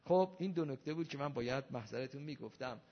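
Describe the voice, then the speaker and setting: A man's voice: medium pitch, lively intonation. A man giving a religious lecture, arguing with rhetorical questions and emphatic rising delivery. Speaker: Shia cleric lecturer. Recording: dull lo-fi recording.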